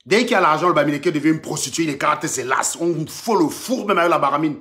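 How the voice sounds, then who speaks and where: A man from Cameroon with a Cameroonian French accent, hosting a livestream monologue in a combative, mocking way that swings between loud outbursts and low muttering. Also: fast. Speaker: livestream host.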